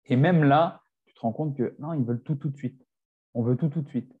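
Over phone-quality audio, a man in his forties who works as a fitness coach chats as a podcast guest, talking a little fast in a medium-pitched, slightly rough voice. He's hesitant, often restarting sentences and leaning on fillers.

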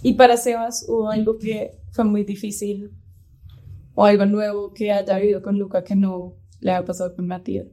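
A woman hosts a casual interview podcast, asking friendly questions. Her delivery is flat and even. Her tone is warm and dark. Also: medium pitch, moderate pace. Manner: short encouraging backchannels. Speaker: podcast host.

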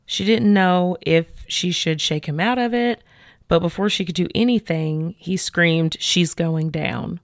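A woman hosting a podcast, retelling a case in a chatty, animated way with many fillers. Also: lowish voice, a little slow, no room sound, clean studio sound. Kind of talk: casual storytelling chat.

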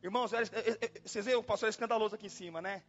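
A pastor preaching in a church, telling a personal story in a dramatic way, exclaiming and repeating himself. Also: male voice, high-pitched, very fast. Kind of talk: storytelling sermon. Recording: dull lo-fi sound with faint music.

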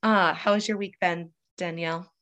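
A woman's voice: lowish voice, steady tone, normal speed, fairly bright tone, lo-fi sound. A woman co-hosting a casual podcast chat, sounding nasal and congested from a cold. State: has a cold. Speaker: podcast co-host.

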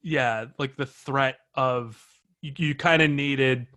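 A man's voice: mid-range voice, steady tone, takes it slowly, sharp tone. A man co-hosting a casual movie review podcast, swearing freely, laughing often and restarting his sentences. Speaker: podcast co-host.

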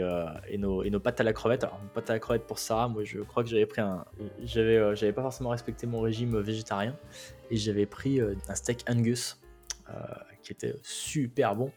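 A man with a lowish voice tells a road-trip story in a loose, conversational way, often pausing on fillers. Soft music plays faintly behind him. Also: creaky. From France. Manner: relaxed, chatty, many hesitations. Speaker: travel guest. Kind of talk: casual travel storytelling.

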